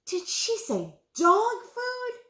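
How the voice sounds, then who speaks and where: A woman's voice: very high-pitched, wildly swooping pitch, drawn-out words, bright, forceful tone, voice pushed up, exaggerated voice. A woman voicing a group of angry witches who chant together, in a storybook reading. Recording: roomy room echo.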